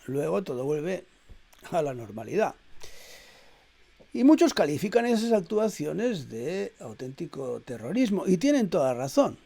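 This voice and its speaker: A middle-aged man delivering a reflective spoken essay in a measured, hesitant way, with frequent "eh" fillers and repeated words. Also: on the high side, very animated, vocal fry, mellow. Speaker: essayist reading his own text.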